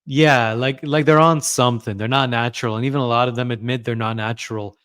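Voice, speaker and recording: A man's voice: medium pitch, steady tone, fairly quick, a bit bright, clean tone. A young man hosting a podcast, talking conversationally and building his points step by step before asking his guest questions. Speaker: podcast host. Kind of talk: casual podcast interview.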